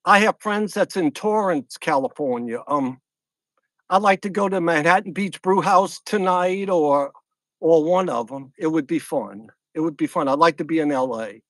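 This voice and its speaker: A man's voice: on the high side, normal speed, a bit bright, no room sound. A middle-aged man with a Louisiana accent hosts a casual fishing livestream outdoors at a lakeside camp, rambling, repeating himself and greeting viewers one by one. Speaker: fishing channel host.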